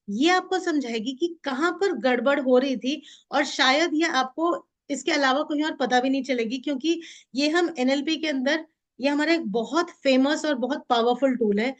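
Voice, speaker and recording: Woman coach with a high voice, mixing hindi and english, lively way of teaching. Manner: mixes Hindi and English, animated and demonstrative. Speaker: mindset coach and NLP trainer. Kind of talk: interactive training session.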